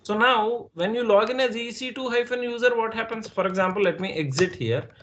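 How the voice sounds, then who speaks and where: Indian English instructor, patient, repeats things, slightly high voice, faint hiss behind. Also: male voice, fairly quick, a bit bright. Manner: patient, repeats and checks understanding. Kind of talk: live online class teaching.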